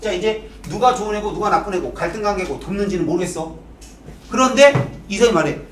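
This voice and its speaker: A man's voice: high-pitched, lively intonation. A man teaching a class in a blunt, informal way, firing rhetorical questions at his students. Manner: brisk, full of rhetorical questions. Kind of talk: lecture to students. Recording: echoey room, mic far off.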